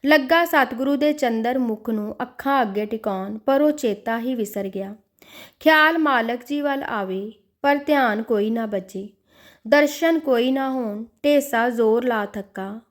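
A woman narrating a devotional audiobook in a measured storytelling manner. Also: fairly high pitch.

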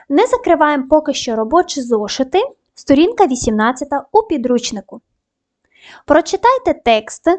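High-voiced woman teaching a class. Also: a little mellow. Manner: clear, slow, syllable-by-syllable dictation; upbeat praise between tasks. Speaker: primary school teacher. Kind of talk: video lesson instruction.

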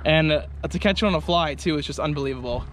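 A young man giving excited casual fishing vlog commentary in frat-bro slang, saying dude constantly. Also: a little high, fast talker. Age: young adult. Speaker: fishing vlogger. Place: outdoors on small boat on canal. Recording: windy outdoor noise on boat.

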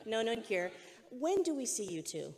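A woman's voice: on the high side, big pitch swings, normal speed, a little mellow, big-room sound. A woman moderating a festival panel, asking playful, pressing questions. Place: festival stage.

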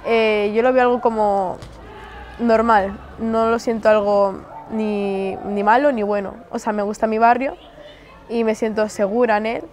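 A teenage girl speaking softly and a little hesitantly in a documentary interview. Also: on the high side, steady tone, a little slow. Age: teens.

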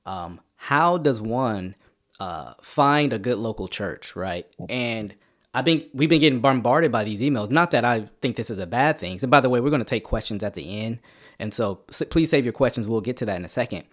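A man's voice: mid-range voice, animated, moderate pace. Man hosting a casual livestream. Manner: friendly and guiding, prompts his guest with questions. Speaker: channel host.

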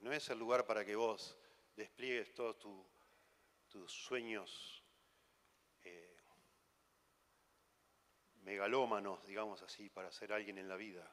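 A man's voice: on the low side, steady tone, unhurried, pauses often, a bit bright. A man with an Argentine accent preaching a conference sermon, conversational and teasing, full of rhetorical questions. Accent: Argentine Spanish. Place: conference hall. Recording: long hall reverb.

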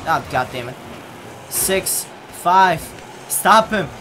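Animated yet slow-paced, a young game streamer talks casually into a headset at a desk in his home room. He's blunt, mutters low asides and talks back to chat, while game music plays loudly amid a noisy background.

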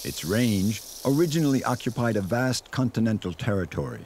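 Nature documentary narrator, man with animated delivery. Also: on the low side, fairly quick, slight background noise.

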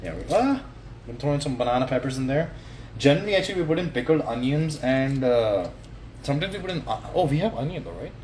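A man in his thirties, a fitness coach and vlogger, chats loosely and jokingly while cooking in his home kitchen during a casual livestream. His mid-range voice is expressive, quick and a little mellow, picked up by a phone camera held or propped nearby in an echoey kitchen with clear ambient noise.

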